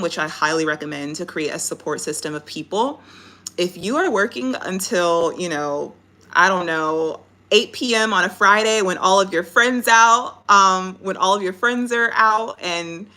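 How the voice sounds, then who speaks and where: A woman's voice: on the low side, normal speed, pushed and bright. A woman speaking as a life coach in a live online talk, instructive and encouraging, checking in with her listeners as she explains.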